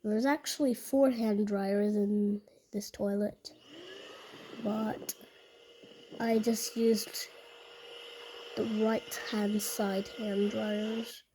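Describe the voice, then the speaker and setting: A woman giving casual vlog commentary in a halting, repetitive way, often restating her phrases. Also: medium pitch, level tone, mellow, slight background noise, rough recording. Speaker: video narrator.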